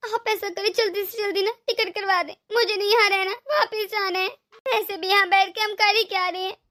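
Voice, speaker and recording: A woman playing a cartoon mother-in-law who once scolded and now pleads, tearful. The voice is extremely high and bright, almost childlike. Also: fairly even intonation, a little fast. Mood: regretful. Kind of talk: cartoon voice acting.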